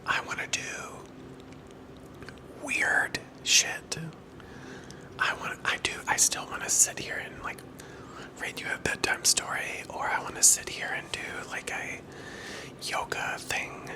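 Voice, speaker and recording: An ASMR creator whispers very close to a wireless microphone in a casual, rambling and candid vlog chat, breathy and occasionally soft-spoken. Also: unhurried, pauses often. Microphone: clip-on wireless microphone, held close.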